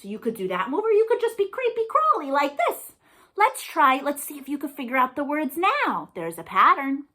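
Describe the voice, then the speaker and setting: A librarian hosting a read-aloud and singalong for young kids uses a high, pushed, bright voice with huge pitch swings at a moderate pace. Playful and encouraging, she regularly asks her listeners questions.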